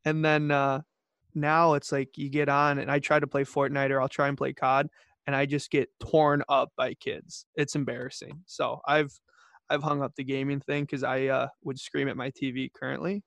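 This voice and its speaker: A man's voice: medium pitch, level tone, moderate pace, gravelly, fairly bright tone, no echo. A man hosting a casual podcast chat in an easygoing, joking way. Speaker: podcast host.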